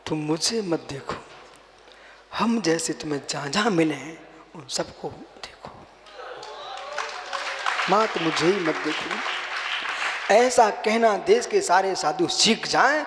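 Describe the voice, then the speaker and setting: A man preaching a sermon as a monk, impassioned, swinging from quiet teaching to loud exhortation and slow chanting. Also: high voice, expressive, a crowd in the background, background noise. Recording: long hall reverb.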